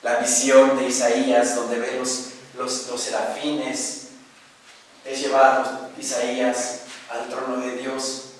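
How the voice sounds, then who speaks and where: A man's voice: medium pitch, monotone, slow. A man preaching a sermon as a pastor, telling the story dramatically with rhetorical questions and sound effects. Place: church. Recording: very echoey room, voice far from the mic.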